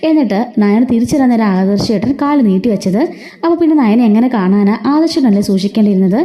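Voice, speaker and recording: A woman voicing an outspoken young woman who defends her sister with sharp, scolding questions in a told story. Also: mid-range voice, lively intonation, fast talker, natural voice. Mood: indignant.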